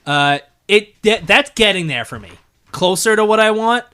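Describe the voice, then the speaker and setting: A man's voice: high-pitched, lively intonation, moderate pace, bright, forceful tone, clear, resonant tone. A young man co-hosting a gaming podcast in casual chat, talking loosely with fillers and restarts and laughing easily. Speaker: podcast co-host.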